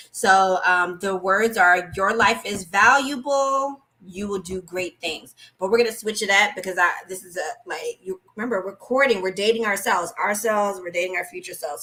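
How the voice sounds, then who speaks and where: A woman speaking on a live stream, giving an inspirational spiritual talk and breaking into gentle singing. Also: mid-range voice. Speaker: guest speaker.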